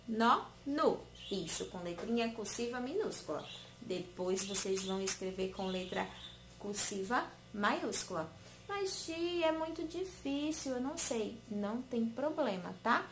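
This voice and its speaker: A woman teacher giving a lesson to small children, in a sing-song way, stretching key words slowly and coaxing answers with questions. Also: a little high, slight background noise. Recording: roomy echo.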